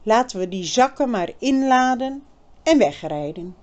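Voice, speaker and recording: A troubled young boy answers in short, quiet words, as a woman reading a storybook puts him on. He speaks slowly and holds back. The lines come out low-key and grave. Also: lively intonation. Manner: quiet and curt.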